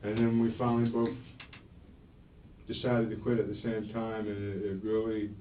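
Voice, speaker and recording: Guy rambling, lowish voice, far off and tinny in an echoey interview room. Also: little pitch movement, a little hiss or hum. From Florida. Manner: rambling, halting, with many restarts. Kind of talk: police interrogation. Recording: echoey, distant, phone-like interrogation room audio.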